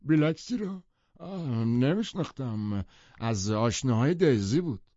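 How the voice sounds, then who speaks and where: A man's voice: medium pitch, animated, dark tone, dry recording, pitched above the performer's own voice, close to an everyday voice. A man voicing an irritable, scornful wealthy man who answers bluntly, in a storybook reading. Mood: irritated. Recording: dull lo-fi audiobook sound.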